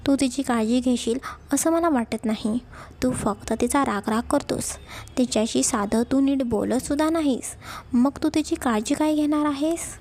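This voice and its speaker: A woman's voice: high-pitched, moderate pace, darkish tone. A woman voicing a worried middle-aged mother who pleads and scolds in a storybook reading. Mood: scolding.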